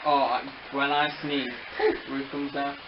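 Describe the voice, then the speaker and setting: A man's voice: medium pitch, flat delivery, a little slow, roomy sound, lo-fi sound, slight background noise. A man chatting about his model trains, sometimes breaking into playful race-caller bursts. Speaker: model railway hobbyist. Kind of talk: casual chat with bursts of mock race commentary.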